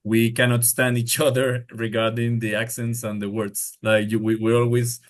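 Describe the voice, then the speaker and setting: A man from Spain co-teaching a live online Spanish lesson, talking quickly and chattily, mixing English and Spanish as he explains. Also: medium pitch, flat delivery.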